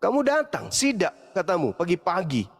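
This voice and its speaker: A man's voice: sits high, wildly swooping pitch, moderate pace, gravelly. Man, Islamic preacher, angry scolding, mocking, long reverberant hall. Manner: heated, mocking, repetitive rebukes.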